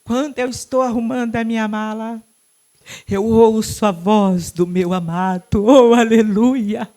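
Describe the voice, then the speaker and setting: A middle-aged woman pastor with a Brazilian Portuguese accent preaching a fervent Pentecostal sermon in a church. She swings from loud cries to hushed tones and breaks into speaking in tongues. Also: fairly high pitch, steady tone, unhurried. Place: church sanctuary.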